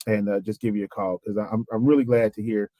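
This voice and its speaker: This man co-hosts a gospel podcast, speaking quickly in a fairly low voice with no echo on the recording. In a relaxed chat, he tells humorous stories with lots of energy, performing the voices of the people he quotes.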